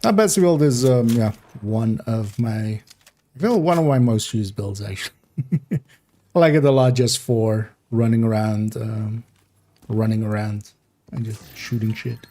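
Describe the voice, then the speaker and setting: A man streaming a game, chatting casually in a rambling, relaxed way and laughing often. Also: on the low side, a little slow. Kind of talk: casual gameplay livestream chat.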